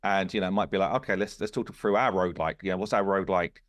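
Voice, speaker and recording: In a relaxed podcast chat, a man who co-founded a game studio tells stories animatedly, acting out quoted lines. His voice is deep, he talks fast, and there's no echo.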